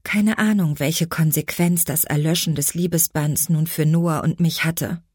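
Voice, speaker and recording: A woman reading a first-person audiobook in a measured, expressive storytelling manner. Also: deep voice, slightly rough, dry recording, studio quality. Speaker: audiobook narrator.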